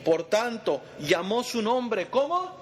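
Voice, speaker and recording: Speaking slowly but with great animation, a high-voiced man teaches a Bible study in a church meeting hall. He keeps it conversational, putting questions to the group and calling them brother, while the room adds long reverb over faint background noise.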